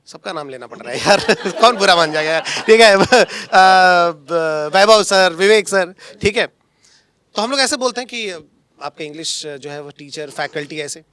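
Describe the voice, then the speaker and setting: A man's voice: a little high, fairly bright tone, clear, resonant tone. A young man, a coaching teacher, chatting casually and teasing his colleagues with frequent laughs. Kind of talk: casual joking chat among colleagues.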